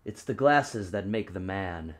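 A man's voice: low voice, expressive, a little slow. A man, speaking in a conversational audition style with exaggerated, incredulous emphasis. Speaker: actor auditioning for a commercial. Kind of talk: audition monologue and improvised product pitch, conversational. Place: indoor studio with a green screen.

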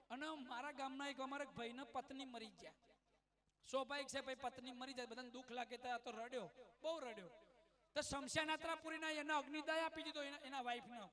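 A male comedian with a Gujarati accent tells stories in a lively way, slipping into the voices of his characters. His voice sits very high and sounds bright. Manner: animated, acts out quoted voices. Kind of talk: stand-up storytelling.

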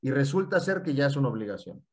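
A man with a Mexican accent explaining in casual talk, animated, often linking thoughts with "y entonces". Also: mid-range voice, quick pace, a crowd in the background. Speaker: guest speaker.

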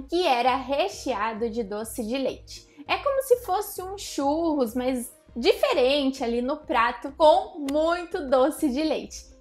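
A young woman from Brazil, a marketing coach giving upbeat business tips straight to the camera from her living room sofa. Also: a little high. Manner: upbeat, addresses viewer directly. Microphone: fixed camera, medium framing.

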